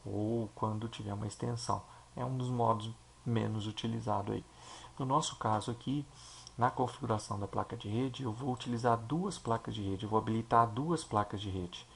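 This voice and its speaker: A man with a Brazilian Portuguese accent, a teacher explaining a software installation step by step and checking in with his listeners. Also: lowish voice, moderate pace, creaky, slight background noise. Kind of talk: screen-recorded software tutorial.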